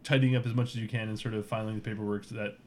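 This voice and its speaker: A man narrating a tabletop role-playing game as game master, in a relaxed, loose way with many fillers. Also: fairly low pitch, very fast, slight background noise.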